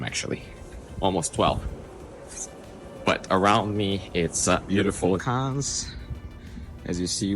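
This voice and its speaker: A man's voice: low-pitched, fairly bright tone. A man chatting casually as he vlogs his working day as an assistant cruise director. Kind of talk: casual vlog chat.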